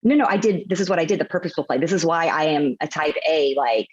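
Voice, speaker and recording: A woman in her late thirties talks through her work in long, methodical runs as a guest on a casual interview. Her voice sits on the lower side, and the recording sounds dull and lo-fi. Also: quick pace, breathy edge. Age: 30s. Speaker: physical therapist guest. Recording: dull lo-fi audio.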